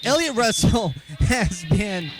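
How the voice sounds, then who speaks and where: A man's voice: sits high, big pitch swings, slow pace. A man calling a wrestling match as play-by-play commentator. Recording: loud venue noise behind voice.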